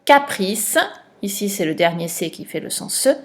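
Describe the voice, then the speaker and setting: A woman's voice: on the low side, lively intonation, moderate pace. Woman, primary teacher, recorded home lesson, patient, stretches words for dictation.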